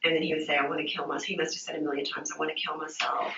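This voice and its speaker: A shaken middle-aged woman recounting an ordeal to investigators, halting and repeating herself with many fillers. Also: deep voice, flat delivery, pushed and bright. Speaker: witness giving a statement. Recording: roomy, distant, dull interview-room tape.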